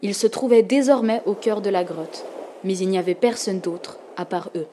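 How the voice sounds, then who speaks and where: A woman narrating a storybook with calm, expressive reading. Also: mid-range voice, moderate pace, a little hiss or hum.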